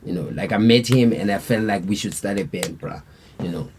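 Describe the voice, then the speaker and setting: This South African band member has a lowish, darkish voice and talks fairly quickly, with a little hiss or hum in the recording. His long story rambles easily, full of slang fillers, during a casual interview.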